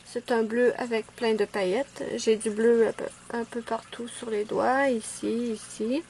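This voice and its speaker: A woman chatting casually at home through a nail art tutorial, self-mocking and quick to apologize. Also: a little high, fairly even intonation, darkish tone, a little hiss or hum.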